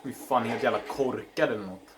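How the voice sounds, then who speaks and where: A man commentating his gameplay, swearing constantly and breaking into loud outbursts. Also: medium pitch. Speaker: gamer commentating his play. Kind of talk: let's play commentary.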